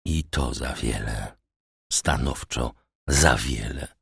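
A man's voice: low voice, animated, measured pace, no echo, clean studio sound. A man voicing a tense, commanding crown prosecutor in an audiobook, stern and secretive. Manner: stern, secretive, barking orders then pleading.

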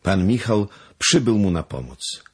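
A man narrating a historical novel as an audiobook, dramatic and expressive. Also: lowish voice, a little slow, breathy edge.

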